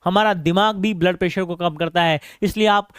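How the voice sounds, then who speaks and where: High-voiced male teacher, playful and scolding. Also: fairly even intonation, normal speed, fairly bright tone, clear, resonant tone, no room sound, clean studio sound. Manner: playful scolding, keeps asking "beta?" and answering himself. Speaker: biology teacher. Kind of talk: classroom lecture.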